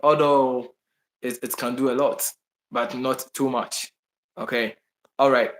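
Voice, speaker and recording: Indoors in Brazil, a Bahamian man who grew up partly in Ghana talks casually to his viewers in a Ghanaian accent. He rambles through their questions, restarting often, using fillers and repeating things for emphasis. His voice is medium-pitched and level, his pace measured, and the room is reverberant.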